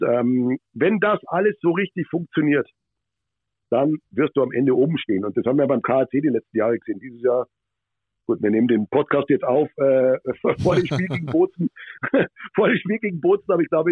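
A man's voice: medium pitch, slightly rough, no room sound. A man from Bavaria, a former hockey manager, answering podcast questions at length, hesitant and full of fillers and restarts, heard over a muffled phone-like line.

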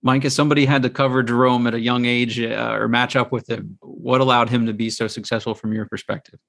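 Gravelly, fast, flat-voiced man. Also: medium pitch. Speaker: podcast host. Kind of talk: interview questions.

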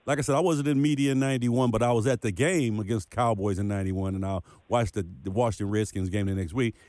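A man's voice: lowish voice, fairly even intonation, fast, a little mellow, no echo. Guy cohosting a football podcast, close dry mic, leans hard on his points and says them twice. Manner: emphatic, repeats points for effect. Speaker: podcast co-host. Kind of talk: casual sports talk.

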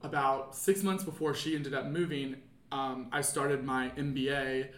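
A man's voice: mid-range voice, steady tone, measured pace, a bit bright, roomy sound. A man in his thirties from Kentucky, a podcast guest chatting casually and rambling with lots of fillers. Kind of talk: casual chat.

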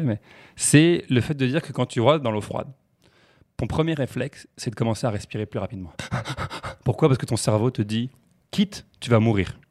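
A man talking quickly and with lots of animation on a casual podcast. He tells stories, jokes around, and often stumbles and repeats words before he gets going again. His voice sits at a middle pitch. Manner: fast, animated, jokey storytelling with repeated restarts. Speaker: podcast guest, comedian. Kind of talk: casual chat.

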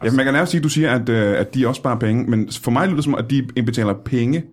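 Mock-serious male podcast host. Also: mid-range voice. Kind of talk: comedy podcast banter.

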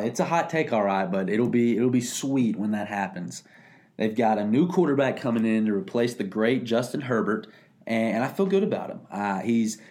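A man's voice: mid-range voice, a little mellow. A man co-hosting a casual sports talk show, an enthusiastic fan making confident predictions, often repeating words. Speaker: sports podcast co-host.

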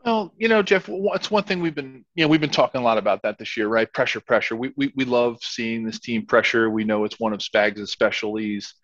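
Male sports podcast pundit, mid-pitched, conversational and halting, emphatic repeats, lo-fi dry sound. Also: fairly bright tone, dry recording. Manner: emphatic, repetitive, halting phrasing. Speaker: football podcast co-host. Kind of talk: casual sports commentary. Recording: dull, slightly lo-fi sound.

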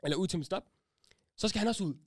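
A young man with a slightly high voice, chatting casually as a podcast host. He tells his stories in an animated, slangy way and often laughs mid-sentence. The sound is dry and close to the mic. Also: no room sound. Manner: animated storytelling, slangy, laughs while telling.

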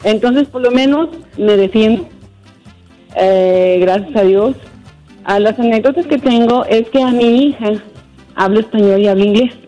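A woman's voice: fairly high pitch, a little slow, mellow, soft background music, rough recording. A woman calling a radio show to tell stories about work and family. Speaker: caller. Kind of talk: call-in radio chat.

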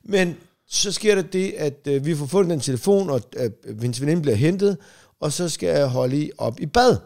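A man's voice: a little high, animated, mellow. A middle-aged man co-hosting a casual comedy podcast, telling family anecdotes and acting out what his relatives say, swearing freely. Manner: acts out quoted family members, swears freely.

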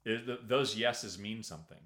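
A man's voice: on the low side, normal speed, a bit bright. A man co-hosting a podcast, chatting casually, often agreeing and stumbling over repeated words. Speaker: podcast co-host. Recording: roomy echo.

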